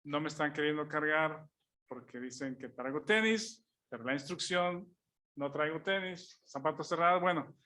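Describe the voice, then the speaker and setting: A man's voice: a little high, normal speed, bright, forceful tone. A man preaching, telling a personal story as a sermon illustration and acting out the people in it. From Mexico. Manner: storytelling, acts out dialogue, chuckles while telling it. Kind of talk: sermon illustration told as an anecdote.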